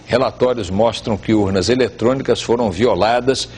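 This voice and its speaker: A man reading a TV news item in a brisk, formal way. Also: on the low side, a little mellow, husky. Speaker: TV news anchor.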